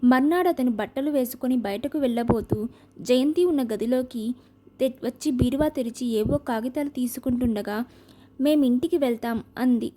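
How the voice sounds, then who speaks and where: A woman narrating a novel aloud in a steady, even reading. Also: high voice, normal speed, slight background noise. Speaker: audiobook narrator.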